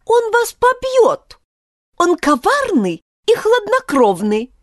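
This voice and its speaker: A woman's voice: huge pitch swings, slow, dry recording, clean studio sound, exaggerated voice. A woman voicing a fussy, educated male sparrow who talks in nervous, preachy exclamations in a storybook reading. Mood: indignant. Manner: shrill, indignant exclamations.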